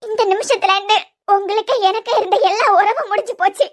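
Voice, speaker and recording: A voice actor doing a shrill, hurt young wife. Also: fast. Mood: firm, pleading. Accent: Kanyakumari Tamil. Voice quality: very high, bright voice. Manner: pleading yet firm, emotional. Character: young wife leaving her husband, hurt and resolute. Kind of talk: cartoon serial dialogue.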